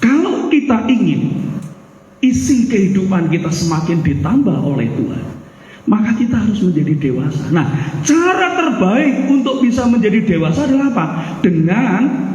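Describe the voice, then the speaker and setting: High-voiced pastor preaching in an echoey hall. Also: male voice, moderate pace, highs cut off. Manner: animated preaching, mimics a crying baby with loud outbursts; addresses the congregation as "saudara". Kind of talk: sermon. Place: church hall. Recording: echoey hall, long reverb.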